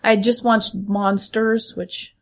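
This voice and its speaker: A woman's voice: mid-range voice, little pitch movement, takes it slowly. A woman co-hosting a podcast in casual, joking, blunt banter, with a stuffy nose from a head cold. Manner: joking, blunt, swears freely. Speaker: podcast co-host. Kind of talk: casual banter and film chat.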